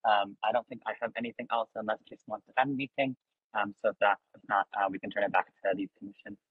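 A man speaks quickly over a clipped phone line while in his car. His voice is slightly husky and sounds dry and tinny through the call. He talks in a hesitant, apologetic way, full of fillers. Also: lowish voice, fairly even intonation, no echo. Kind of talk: casual meeting remarks.

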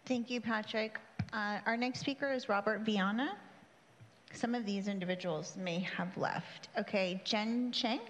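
A woman's voice: mid-range voice, measured pace. A woman chairing public comment, making informal procedural announcements and calling names. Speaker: meeting chair or clerk calling speakers. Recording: echoey chamber with background noise.

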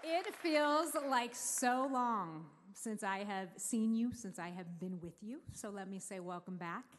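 A woman giving a prepared, heartfelt speech at a civic celebration, slow and deliberate, close to tears at times. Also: mid-range voice, animated, a faint crowd. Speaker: speaker introducing the mayor. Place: large hall on stage. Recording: long reverb of a large hall.

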